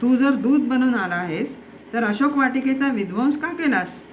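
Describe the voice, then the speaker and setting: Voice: high voice, expressive, moderate pace, slight background noise, pitched above the performer's own voice. A storyteller voicing an arrogant demon king who gives imperious commands, in a dull lo-fi recording.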